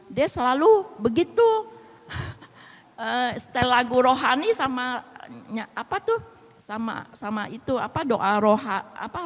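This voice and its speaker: A middle-aged woman gives a halting personal testimony to a church group, full of fillers and restarts, and acts out the words of family members. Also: on the high side. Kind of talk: personal testimony in casual speech. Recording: long hall reverb.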